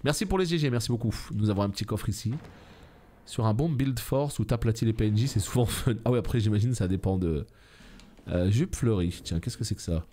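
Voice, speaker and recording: A man streaming a video game live, excitable, swearing and laughing often, his voice jumping high when the action gets tense. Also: brisk. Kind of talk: live gameplay commentary.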